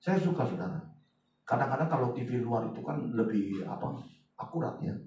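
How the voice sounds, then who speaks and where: Pastor preaching in an echoey hall. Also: male voice, medium pitch, expressive, fairly quick, recorded from a distance, slight background noise. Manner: chatty, swings from loud to hushed asides. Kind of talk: sermon. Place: large church hall.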